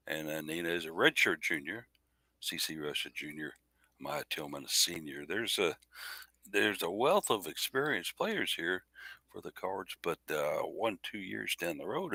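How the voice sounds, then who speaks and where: A man's voice: sits low, creaky, dry recording. A man co-hosting a sports podcast, recapping a volleyball match in casual chat. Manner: lively play-by-play recap. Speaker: podcast co-host.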